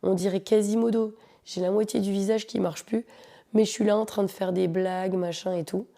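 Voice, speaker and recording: A woman's voice: mid-range voice, steady tone, fairly quick, gravelly, mellow. A woman hosting a podcast, telling a personal story in a casual, joking, slangy way and talking straight to her listeners. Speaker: podcast host.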